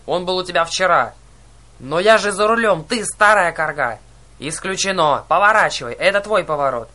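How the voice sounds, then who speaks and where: A man voicing a band of quarrelsome old hag sisters with hoarse, shrill, shouting voices. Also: lively intonation, normal speed. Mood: bickering. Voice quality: hoarse, cackling. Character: shrieking squabbling old hag sisters, women.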